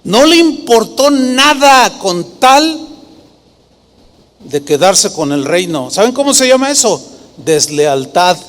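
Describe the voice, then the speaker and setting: A man's voice: high-pitched, big pitch swings, slow, fairly bright tone, big-room sound. A man preaching a sermon as pastor, emphatic and full of rhetorical questions.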